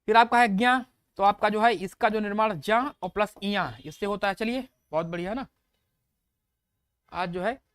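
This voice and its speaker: A man's voice: sits high, moderate pace, fairly bright tone, clear, resonant tone, dry recording, studio quality. A male teacher giving an online exam-prep class. He repeats key points, asks the class questions, calls his students brother and praises their answers.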